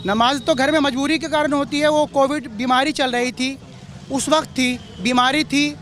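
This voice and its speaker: A man with a strikingly high-pitched voice speaks to a reporter out on a street. He sounds indignant and emphatic, and he drives each point home by saying it again. He comes across as a member of the public giving his view in a street interview. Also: fairly even intonation, moderate pace, fairly bright tone, slight background noise.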